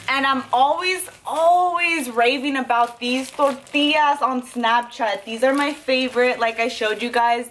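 A woman's voice: on the high side, a bit bright. Chatty young woman vlogging at home. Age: young adult. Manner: chatty, swears a lot, self-conscious. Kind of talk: casual vlog chat. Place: home kitchen, indoors. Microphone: handheld camera at arm's length.

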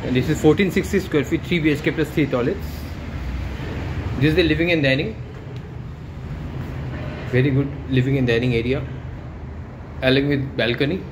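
Guy from india touring a flat on his phone, stop-start talk, echoey rooms, aircon and traffic humming behind. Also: medium pitch. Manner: plain, halting, pointing things out as he walks. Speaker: property tour guide. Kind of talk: walkthrough narration. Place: empty furnished flat, indoors. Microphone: handheld phone camera. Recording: echoey room with loud air-con and traffic hum.

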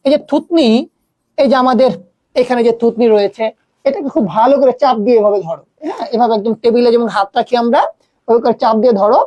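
A woman's voice: on the high side, fast, no room sound, lo-fi sound. A woman teaching an exam-prep grammar lesson, often quizzing her students with questions she then answers herself.

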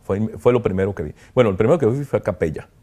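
A deep, low-pitched man speaks in a soft, mellow tone. He is a priest giving a heartfelt interview, talking earnestly with halting pauses and reflective asides. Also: animated. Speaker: priest, kidnapping survivor interviewee. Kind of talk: emotional interview testimony.

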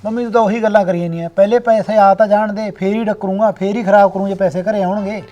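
A young man plays a greedy, cocky groom who talks fast. Soft music plays underneath. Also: sits high, steady tone, dull audio, natural voice.

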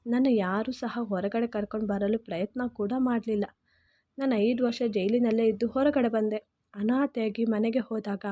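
A woman's voice: fairly high pitch, warm tone, no echo. A woman narrating an emotional first-person story in Kannada-accented speech, earnest and heartfelt.

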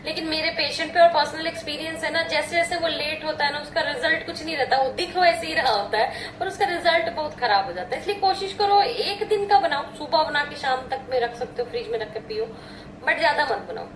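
Very high-voiced giggly woman doctor. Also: brisk, a bit bright. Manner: chatty, giggly, tells stories playfully. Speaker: doctor and vlogger answering live chat questions. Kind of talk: casual live chat. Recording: roomy echo.

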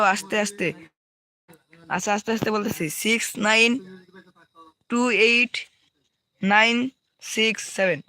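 A man's voice: high-pitched, vocal fry, pushed and bright, slight background noise. A young man with a Bangladeshi Bengali accent, hosting a live gaming stream, reading out viewer names and repeating team codes.

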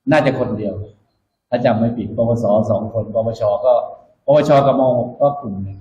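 A man's voice: medium pitch, normal speed, warm tone. A man speaking as a military officer to new recruits, instructive and emphatic, repeating his key points in a motivational orientation speech. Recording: echoey room, dull muffled sound.

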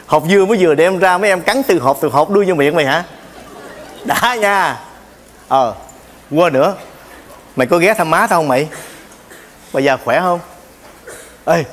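A man's voice: high voice, fairly bright tone. An actor playing an exasperated, teasing man named Long, joking and exclaiming in a stage comedy sketch. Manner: teasing, blustery, exclaiming often. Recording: stage show in a big hall.

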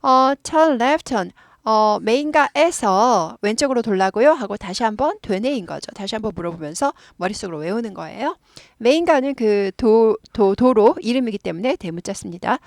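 A woman teaches English with a slightly high, gravelly voice. She explains phrases lively and repeats them for drills. The sound is dry and close. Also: moderate pace, no echo. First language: Korean.

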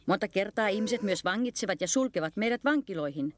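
Expressive woman narrating a storybook. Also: medium pitch, dry recording. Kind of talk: scripted narration. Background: faint music.

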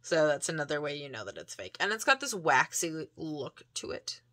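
Talking to camera about a shopping haul, this female vlogger rambles casually, full of fillers and laughs, with the occasional soft, breathy aside. She has a deep voice with big pitch swings and speaks at a normal speed.

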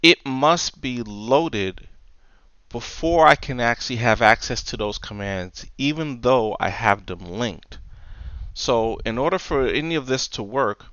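A tutorial presenter, a man with a medium-pitched, smooth voice, walks through a casual software tutorial step by step, animated but a little slow. It's a close-mic voice-over recording, dry, with the highs cut off.

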